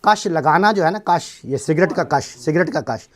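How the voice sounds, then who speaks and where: A man's voice: on the high side, expressive. A middle-aged man with a Pakistani accent teaching a class, explaining step by step and checking that his students follow. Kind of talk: classroom lecture.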